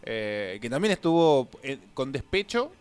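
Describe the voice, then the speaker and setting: Gossipy co-host, lively voice. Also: male voice, mid-range voice, unhurried, clear, resonant tone. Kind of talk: casual comedy chat.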